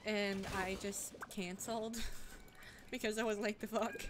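A woman's voice: mid-range voice, little pitch movement, a little slow. A young woman streaming a game, chatting casually with lots of fillers and blunt swearing. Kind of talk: casual chat while gaming. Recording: noisy home stream mic.

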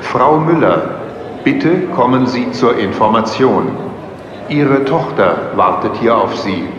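A man reading formal announcements over a station loudspeaker in a measured way. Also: mid-range voice. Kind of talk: scripted public-address announcement. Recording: echoey hall, dull lo-fi sound, steady background noise.

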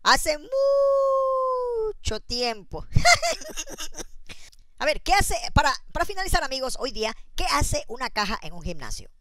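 A woman's voice: high-pitched, sing-song, quick pace, few pauses, a bit bright, no room sound. A woman hosting a joke channel, chatting casually and quizzing her listeners with riddles. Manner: chatty, asks the audience riddles and laughs at own jokes. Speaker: joke-telling channel host. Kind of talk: casual joke telling to camera.

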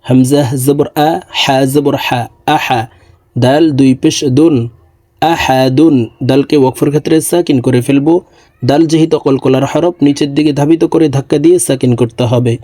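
A man teaches Quran recitation, spelling each letter and vowel mark aloud before reciting in long, melodic stretches. His voice sits a little high for a man yet sounds mellow and warm. The recording is dry and close, with no room sound. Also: fairly even intonation, moderate pace, no room sound.

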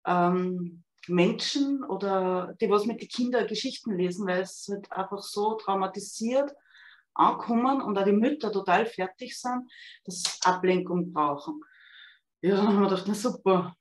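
Woman telling her story on a call. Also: medium pitch. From Austria. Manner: chatty with many fillers. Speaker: illustrator guest. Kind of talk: casual storytelling. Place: room at home with a lamp. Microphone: video call. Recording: echoey video call audio.

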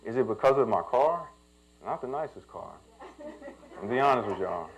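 A man's voice: medium pitch, animated, moderate pace, rough recording. A young man, a pastor telling a personal story in a sermon and building to emphatic preaching.

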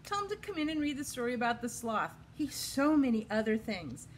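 A woman librarian reading a children's picture book aloud in a slow, sing-song way. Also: a little high, big pitch swings, a little hiss or hum. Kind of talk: children's story read-aloud.

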